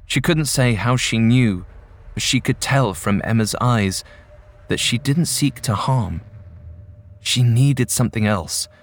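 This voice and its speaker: A man narrating a ghost story in a measured, suspenseful storytelling manner. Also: mid-range voice. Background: faint music.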